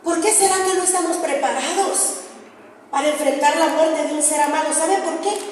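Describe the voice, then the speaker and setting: A woman's voice: high-pitched, moderate pace, a little hiss or hum. A middle-aged woman preaching earnestly to a women's group and having them read along. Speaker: preacher and singer. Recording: echoey hall, distant mic, faint ambience.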